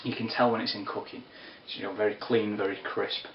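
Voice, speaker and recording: A man giving a casual spoken whisky review, unhurried and descriptive with wry asides. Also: lowish voice, little pitch movement, a little hiss or hum. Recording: roomy, distant, dull lo-fi sound.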